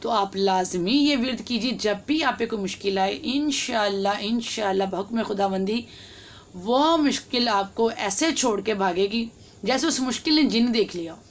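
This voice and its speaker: Earnest woman giving devotional advice. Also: mid-range voice. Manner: urging and reassuring, slows to spell out recitation. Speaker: religious YouTube host.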